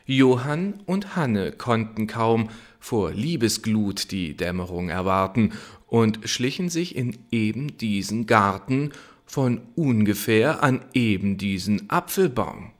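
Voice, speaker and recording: A man giving a slow, expressive theatrical reading of a verse fable. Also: on the low side. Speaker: reader.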